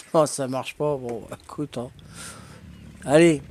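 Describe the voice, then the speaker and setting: A man's voice: mid-range voice, a little mellow, a little hiss or hum. An older man chatting casually with viewers while streaming a game, joking, laughing often and tacking "hein" onto his sentences. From Corsica. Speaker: livestreaming gamer. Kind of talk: casual livestream chat with viewers.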